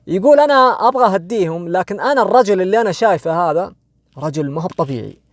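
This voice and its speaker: A young man with a Saudi accent tells a jinn horror tale in a chatty way, often checking in with his listeners and slowing right down for the scary parts. His voice sits a little high and has a gravelly edge. The recording is dry and close, with almost no room sound. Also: no room sound. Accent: Saudi Arabic. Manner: conversational, asks listeners "you know?", frequent restarts; swings between quick asides and slow, dramatic drawn-out phrases. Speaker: storyteller. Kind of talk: retelling a jinn horror story.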